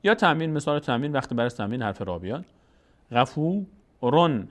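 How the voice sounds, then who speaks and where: A man teaching Quran recitation rules step by step, slowly drawing out each example word. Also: medium pitch, sing-song, fairly bright tone. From Tajikistan.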